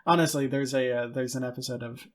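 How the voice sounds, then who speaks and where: A man hosts a podcast and interviews a guest. His talk is loose and conversational and tends to ramble. His voice sits at a middle pitch. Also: steady tone, fast talker. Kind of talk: casual interview chat.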